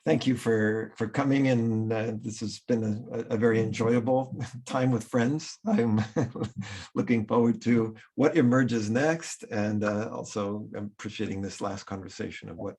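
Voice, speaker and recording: Relaxed low guy wrapping up a call, a bit husky. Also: moderate pace. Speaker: featured guest and moderator. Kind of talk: video call discussion.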